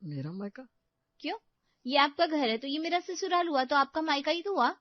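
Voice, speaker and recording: A woman playing a busy young working wife in a cartoon story who stays polite and deferential to her in-laws. Her voice is fairly high, and the recording is dry and dull. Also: expressive, normal speed, no echo.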